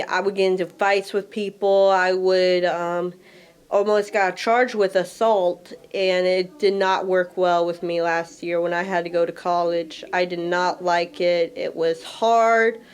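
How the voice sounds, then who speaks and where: Candid young woman with a smooth voice. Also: medium pitch. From Russia. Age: 20s. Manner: candid, chatty, frequent "like" fillers. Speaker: storyteller. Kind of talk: personal spoken storytelling.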